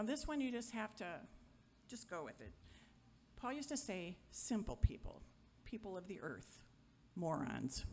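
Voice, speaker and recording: A middle-aged woman giving an informal memorial eulogy, chatty and wry, joking with the crowd and sometimes halting. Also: fairly high pitch, a little mellow, a little hiss or hum. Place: gathering hall at a memorial.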